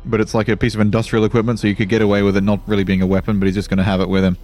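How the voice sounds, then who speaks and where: A man's voice: lowish voice, little pitch movement, very fast, darkish tone, soft background music. A man playing in a tabletop game, describing his character's gear in a matter-of-fact way. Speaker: player. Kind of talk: casual tabletop play.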